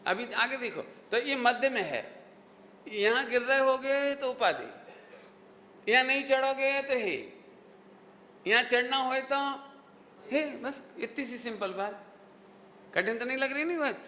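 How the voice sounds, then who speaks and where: High, bright-voiced man preaching in an echoey hall. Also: lively intonation, measured pace, long pauses. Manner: drills the audience with repeated rhetorical questions. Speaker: Jain scholar giving a lecture. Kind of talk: sermon with questions to the audience. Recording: echoey hall with faint noise.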